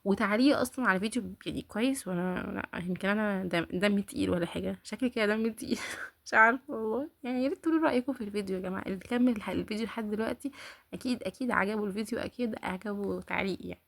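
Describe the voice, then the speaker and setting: A woman with an Egyptian Arabic accent rattles off casual reaction commentary at a very fast clip. Her voice sits in a middle register. She mocks the clip she is watching and turns to her viewers with sarcastic asides. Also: medium pitch, gravelly. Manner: mocking, exasperated, talks straight to viewers. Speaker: reaction video host.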